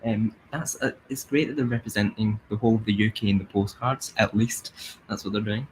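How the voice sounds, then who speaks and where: A man's voice: on the low side, fairly even intonation, a little fast, slight background noise, poor audio. A young Scottish man chatting casually as host of a live stream, rambling with lots of fillers. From Scotland. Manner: chatty, rambling, sings along in snatches.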